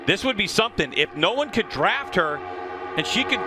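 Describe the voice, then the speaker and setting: A man working as a motorsport commentator, calling a race live with animated play-by-play. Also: sits high, moderate pace, poor audio. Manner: animated play-by-play calling, rising to shouts at action.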